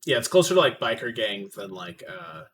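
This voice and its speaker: Man game master, bright voice, halting, lots of fillers, slightly off-mic with faint noise. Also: fairly low pitch, very animated, far from the mic. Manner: halting, many fillers and restarts. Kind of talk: casual game narration.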